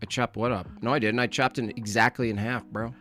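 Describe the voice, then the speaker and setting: A man's voice: mid-range voice, fairly even intonation, fairly quick, bright, forceful tone. A man co-hosting a podcast in loose, teasing banter, rambling and laughing at his own jokes. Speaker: podcast co-host. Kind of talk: casual banter.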